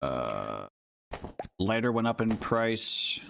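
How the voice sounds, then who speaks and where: A man's voice: on the low side, big pitch swings, slow pace, creaky, fairly bright tone. Laid-back swearing young male streamer. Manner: laughing, loose, swears a lot. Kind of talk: casual gaming chat. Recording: faint background noise.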